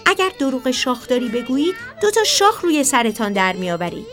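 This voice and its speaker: A woman voicing a gentle magical helper who calmly warns about lies. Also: sits high, soft background music, voice pushed up.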